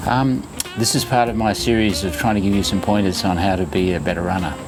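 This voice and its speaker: A man's voice: low-pitched, fairly even intonation, fairly quick, background noise. A man in his sixties talking casually to camera as a running vlogger, chatty, instructive and reassuring as he shares tips. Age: 60s.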